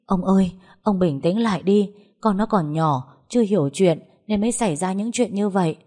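A woman's voice: mid-range voice, moderate pace, warm tone, lightly acted. A woman voicing a worried older mother who coaxes and soothes in an anxious, protective way.

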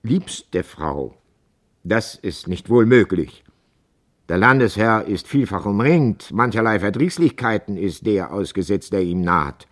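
A man's voice: on the low side, expressive, unhurried. A man reading the part of a determined horse dealer who speaks to his wife firmly but tenderly in a storybook reading. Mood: gentle. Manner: firm, earnest, gently persuasive.

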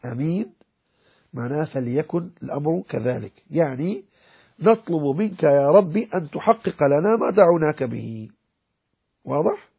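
A man's voice: a little high, sing-song, normal speed, vocal fry, darkish tone, husky. A man as a sheikh giving a religious jurisprudence lecture, explaining and repeating points and checking that his listeners understand. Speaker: sheikh teaching Islamic jurisprudence.

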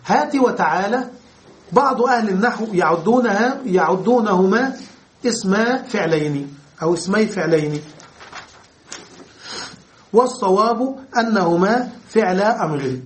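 A man lecturing on grammar in a fairly high voice. He goes over each term again in other words and checks that his listeners follow. His delivery is patient and explanatory. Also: expressive, measured pace, pauses often. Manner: repeats and rephrases terms to explain them, checks understanding. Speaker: Arabic grammar teacher.

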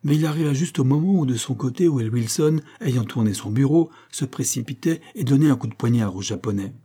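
A man reading a novel aloud as an audiobook, in steady storytelling narration that lifts for the spoken lines. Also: mid-range voice, fairly quick, breathy edge. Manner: steady storytelling, raising voice for dialogue. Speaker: audiobook reader. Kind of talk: scripted narration.

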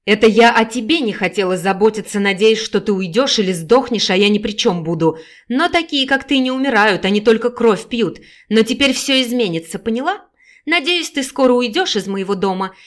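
A woman voicing a cruel, bitter middle-aged mother who shouts with scorn and hatred in an audiobook. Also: a little high, lightly acted.

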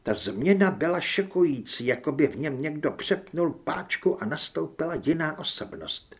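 A man narrating an audiobook in a measured, even storytelling manner. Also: fairly high pitch, husky. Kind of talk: scripted narration.

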